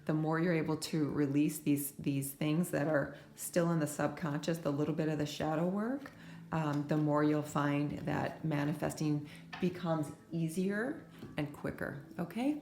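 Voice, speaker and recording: Her low voice, measured pace and reverberant surroundings frame a calm pick-a-card tarot session. The woman sounds slightly scratchy due to allergies and keeps asking "right?" throughout her soft spiritual guidance.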